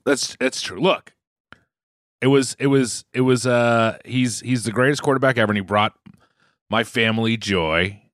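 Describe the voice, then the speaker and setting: Co-hosting a casual podcast, a man with a Boston accent rambles, repeating words and laughing often. His mid-range voice is a bit bright at a moderate pace, with clean studio sound and no echo, though he's on headphones over a remote call.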